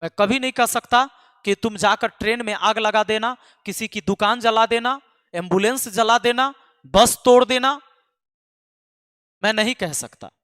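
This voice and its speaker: Emphatic high-voiced man scolding students. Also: normal speed, fairly bright tone, smooth, dry recording, studio quality, long reverb tail. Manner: emphatic and scolding, repeating lines for force. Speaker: online exam-prep math teacher. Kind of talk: impassioned address to students.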